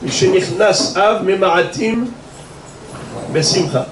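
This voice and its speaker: A man's voice: high-pitched, a little fast, recorded from a distance. A man, a rabbi, giving a religious lesson, explaining step by step and asking rhetorical questions as he goes. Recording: echoey room, voice from afar, faint noise.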